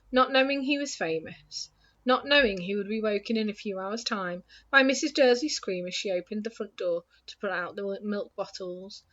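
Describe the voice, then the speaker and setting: A woman reads a storybook aloud in a steady, hushed voice that softens at the ends of lines. Her pitch sits in the middle of the range. The lo-fi recording sounds dull and muffled. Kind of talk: storybook reading.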